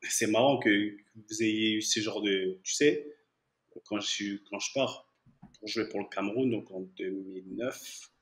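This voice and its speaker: Thirties male from Paris, lower register, laid-back repetitive storyteller. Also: a bit bright. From Paris, France. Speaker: former footballer, panelist. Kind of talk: casual chat.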